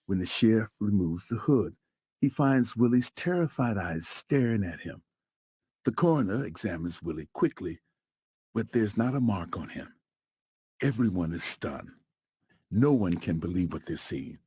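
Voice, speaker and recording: Low, lively dramatic male storyteller. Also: husky, no echo. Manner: dramatic, with slow emphatic pauses. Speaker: narrator. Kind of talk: scripted storytelling narration.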